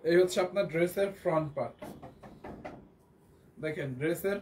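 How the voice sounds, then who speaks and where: A hoarse man from Bangladesh giving a live online sales pitch for clothes, repeating himself and coaxing viewers as he shows each item. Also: normal speed, a little mellow, a little hiss or hum. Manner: repetitive, coaxing, calls viewers "apu". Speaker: clothing seller.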